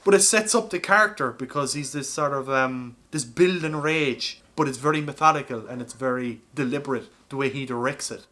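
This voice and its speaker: With a mid-range voice that is pushed and bright, this Irish podcast co-host talks fairly quickly with hardly any pauses. He relates film anecdotes in a loose, sweary, animated way.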